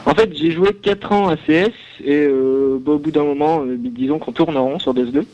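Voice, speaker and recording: A man's voice: a little high, moderate pace, a little mellow, slight background noise. A young man calling in to a radio show, heard over a phone line, chatting casually and hesitantly with many fillers. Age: young adult. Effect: caller heard over a phone line.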